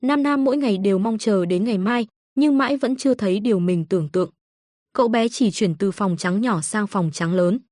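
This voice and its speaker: A woman narrating an audio novel in a steady, even storytelling manner. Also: mid-range voice, brisk, no room sound, studio quality.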